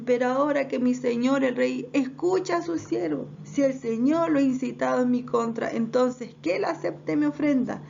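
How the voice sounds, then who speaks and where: A woman's voice: sits high, normal speed, creaky, mellow, pitched above the performer's own voice. A woman voicing an earnest young man pleading with a king, in a lo-fi recording. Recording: dull lo-fi recording, faint noise.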